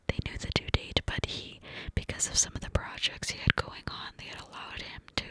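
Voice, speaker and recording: A young adult woman telling a personal story as an ASMR ramble in a cupped-hand whisper, close to the mic, rambling and repeating words. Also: low-quality recording. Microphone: close to the mic, mouth cupped by hand.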